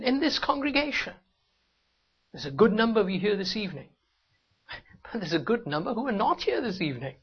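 In a church hall, a Welsh man gives a sermon that opens with a prayer, addressing the congregation conversationally. His voice has a breathy edge and the audio is lo-fi. He asks rhetorical questions and his pitch jumps sharply when he wants to stress a point.

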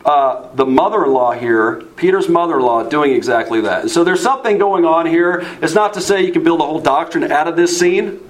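Male pastor, high voice, chatty sermon delivery, acts out quotes. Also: lively intonation, brisk, few pauses. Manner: conversational, with asides and acted-out quotes.

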